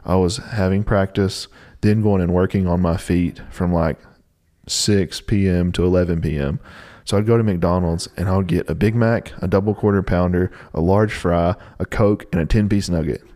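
Man, fairly low voice, easygoing storyteller, fitness podcast. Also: steady tone, moderate pace, warm tone. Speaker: podcast co-host, coach. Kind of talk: casual chat.

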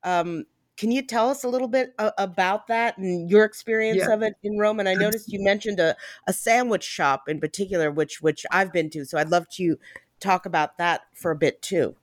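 A man's voice: high voice, normal speed, no echo, studio quality. A man from the United States hosting an interview, enthusiastic and full of small restarts. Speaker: podcast host. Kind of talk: conversational interview.

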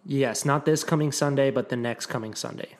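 A man's voice: medium pitch, fairly quick. A man talks in a room with hallway-like echo. He is a casual podcast co-host with a mid-range voice, offering opinions in loose, informal banter. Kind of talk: casual chat. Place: new home podcast studio without soundproofing. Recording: echoey untreated studio room.

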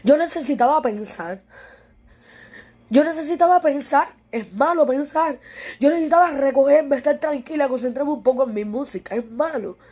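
A Cuban woman musician with a high, slightly mellow voice speaks at a moderate pace in an emotional monologue to the camera. She's tearful, weary, and impassioned, pleading with a critic, repeating herself, and cursing.

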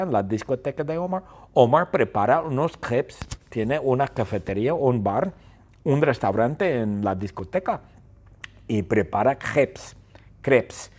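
A man's voice: medium pitch, a little mellow. A man teaching Spanish by telling a silly story to a class, with sound effects and squeals. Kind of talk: storytelling lesson for students.

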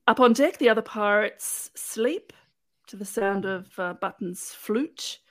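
A woman hosts a casual recap podcast, retelling scenes in a playful, chatty way. Her voice sits at an ordinary middle pitch. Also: measured pace, dry recording. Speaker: podcast host recapping episodes. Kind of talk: casual chat, episode recap.

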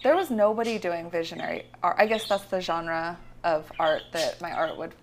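Her voice is lowish and moves at normal speed, with slight hiss or hum in the audio. Interviewed at home, this visionary artist from California talks casually about her art and life, rambling with lots of fillers and restarts.

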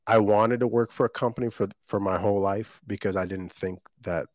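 A man's voice: fairly low pitch, steady tone, a little fast, darkish tone, no room sound, studio quality. A man from Jamaica, a guest in his thirties, telling his business story in a rambling, casual way with many ums and restarts. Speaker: guest, shortbread business owner.

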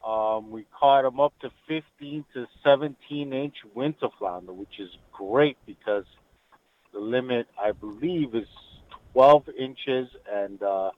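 A man gives a casual fishing report as a guest on a podcast. His audio is slightly dull and lo-fi, like a remote call. He talks in halting phrases with pauses mid-sentence. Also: mid-range voice.

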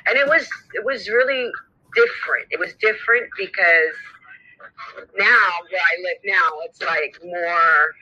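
A woman's voice: fairly low pitch, a little slow, sharp tone. A middle-aged woman from New Jersey talks as an interview guest, candid and rambling, with plenty of fillers. Her voice comes through a dull, lo-fi recording. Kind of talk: casual interview chat.

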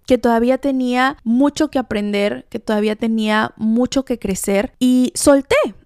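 A woman's voice: a little high, gravelly, darkish tone, clear, resonant tone, no room sound, clean studio sound. A woman hosting a podcast, giving an enthusiastic, motivational spiritual monologue straight to the listener. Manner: enthusiastic, addresses listener directly. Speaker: podcast host.

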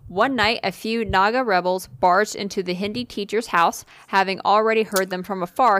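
On a podcast, a woman casually reads a listener's spooky story aloud, dropping in occasional fillers and asides. Her voice is medium-pitched and a bit bright, and the recording is dry.

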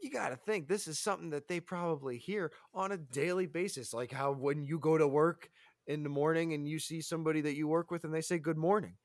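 A man's voice: a little high, fairly quick, dry recording. A man co-hosting a casual chat, rambling, stuttering and laughing as he talks. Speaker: podcast co-host. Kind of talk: casual chat reviewing a show.

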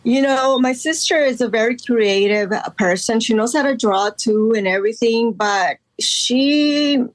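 A woman's voice: a little high, unhurried, no room sound. Hesitant woman guest from Guatemala. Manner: hesitant, many fillers and restarts. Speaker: guest artist. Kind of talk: casual interview talk.

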